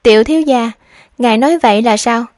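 A woman's voice: a little high, a little fast, a little mellow, no room sound, studio quality, close to an everyday voice. A woman voicing a timid, dutiful young maidservant who speaks in a flustered, polite way.

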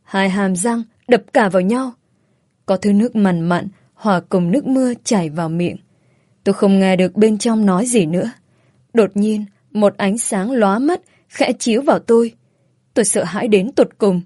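A woman narrating an emotional first-person story in a calm, steady voice. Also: mid-range voice, normal speed, no room sound, clean studio sound.

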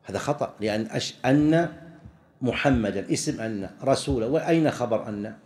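A man teaching a jurisprudence lesson, commenting on a text read aloud and repeating examples slowly. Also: medium pitch, lively intonation, a little mellow, reverberant.

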